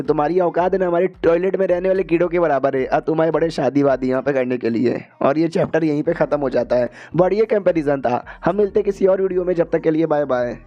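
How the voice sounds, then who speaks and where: A man's voice: a little high, highs cut off. A man narrating a story recap in a casual, chatty, slangy way. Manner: chatty and slangy, rushing through the plot.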